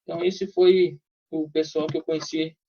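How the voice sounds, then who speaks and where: A man telling a war story casually, animated, slangy and profane, acting out the shouts of others. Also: a little high, moderate pace, a little hiss or hum. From Brazil. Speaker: guest telling war stories. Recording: dull lo-fi sound, slightly distant mic.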